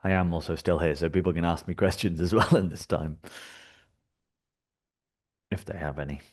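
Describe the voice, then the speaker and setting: Presenting a live software workshop, a British-accented man from the United Kingdom speaks at normal speed in a low voice. His manner is easygoing and talkative, with frequent fillers and restarts.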